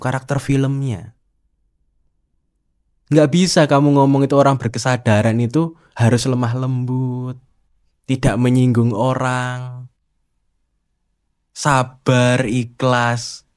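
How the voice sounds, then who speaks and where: A man's voice: mid-range voice, darkish tone. A man hosting a casual spiritual monologue, teasing and rhetorical as he challenges the listener. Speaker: host.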